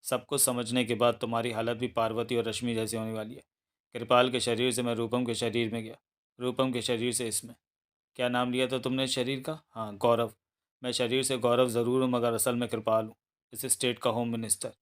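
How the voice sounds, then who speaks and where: A man's voice: mid-range voice, fairly quick, close to an everyday voice. A man voicing a confused young husband who claims to be another man, in a read-aloud thriller novel. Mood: calm explaining. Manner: bewildered then calm and explaining.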